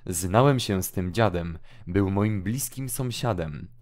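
A brooding, feverish young hermit, read by a man in a deep, slow, mournful voice. His lines turn restless and anguished as he speaks. It is an audiobook drama reading. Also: a little mellow. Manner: mournful, rising into agitated outbursts.

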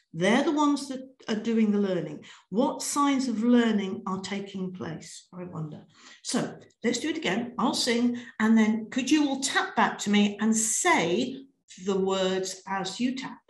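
A British woman leading a piano teachers' webinar, lively and encouraging, singing and chanting rhythms as she demonstrates. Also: mid-range voice, echoey room.

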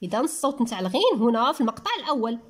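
High lively Moroccan woman teacher. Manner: sounds out words slowly, syllable by syllable; patient, talks to children as little ones. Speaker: primary school teacher. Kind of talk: reading lesson for young children.

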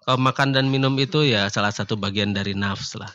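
A man calmly explaining religious teachings in a casual radio discussion, laughing now and then. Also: lowish voice, brisk. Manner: calm, explaining, laughs easily, mixes in local words. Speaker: martial arts teacher answering questions. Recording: dull lo-fi online radio sound.

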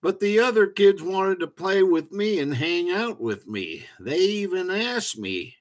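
A man doing a gentle young mantis boy. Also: sits high, sing-song, measured pace, pitched above the performer's own voice. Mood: earnest.

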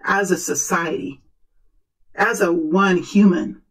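A woman speaking as a fortune teller, improvising a tarot reading in earnest, halting, repeated short phrases. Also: on the low side, fairly even intonation. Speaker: tarot reader, host.

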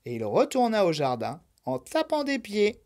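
A woman reading a children's bedtime story aloud, gentle and expressive. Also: mid-range voice, normal speed.

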